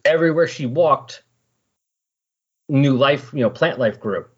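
On a dull, lo-fi recording, a male podcast host rambles through a comic-book recap, breaking into animated paraphrases of what the characters say. His voice is mid-range, husky, and unhurried.

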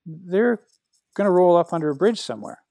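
A Canadian man speaking as a podcast guest, thoughtful and soft-spoken, telling stories with many restarts. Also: high voice, animated, fairly quick, creaky, no room sound, clean studio sound. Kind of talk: reflective conversation.

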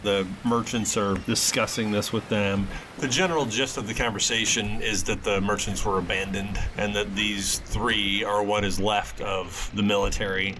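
A man's voice: on the low side, steady tone, normal speed. A man narrating a tabletop game as its game master. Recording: clear background noise.

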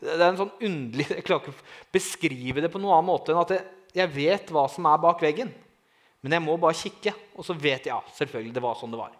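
Lively male storyteller, slightly higher voice than most men, personal testimony with audience check-ins. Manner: lively, asks the audience "right?", dramatic swings in loudness. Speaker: speaker giving a testimony.

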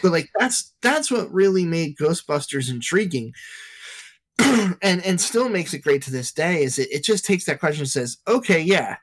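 Rambling man with a fairly high voice. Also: sing-song, normal speed. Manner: rambling, profane, self-interrupting. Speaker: podcast co-host. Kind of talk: casual chat.

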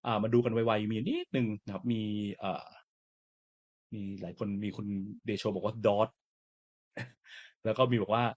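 A man hosting a casual panel discussion, talking in a relaxed, chatty way with lots of fillers. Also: fairly low pitch, a little slow, pauses often, highs cut off. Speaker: podcast host.

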